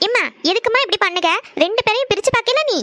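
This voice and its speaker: A woman voicing an indignant younger schoolgirl sister who complains loudly. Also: very high-pitched, fast. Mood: complaining. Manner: whiny, complaining.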